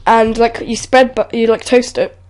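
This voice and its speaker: A young British woman chatting casually on a podcast, halting and restarting often. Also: on the high side, steady tone, a little mellow. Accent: British English. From Britain. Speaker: podcast co-host. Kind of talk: casual chat.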